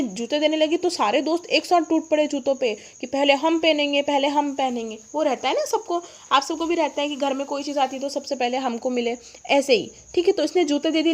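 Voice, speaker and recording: A woman's voice: high-pitched, a little fast, hardly any pauses. A woman teacher explaining a story lesson to children, often asking the class questions and answering them herself. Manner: asks the class rhetorical questions.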